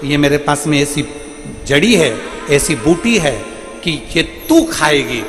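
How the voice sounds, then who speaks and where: A man voicing a calm, wily older guru speaking persuasively, in an echoey hall with faint music. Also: on the high side, takes it slowly.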